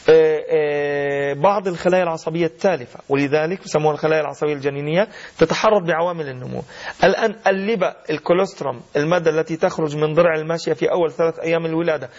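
Rapid, fluent male radio health adviser. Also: fairly high pitch. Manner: explanatory, fluent, formal. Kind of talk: call-in health advice. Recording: dull lo-fi radio audio.

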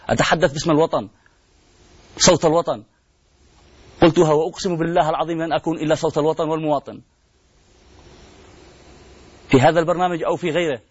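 Male host, impassioned pleading appeal, fairly high voice, dry dull lo-fi sound. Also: slightly rough, dry recording. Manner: pleading, rhetorical questions, repeated refrains. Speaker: TV program host.

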